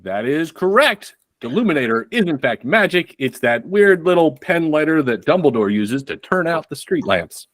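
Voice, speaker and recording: Deadpan comedy game show host, man. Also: fairly high pitch, moderate pace, few pauses, dry recording, clean studio sound.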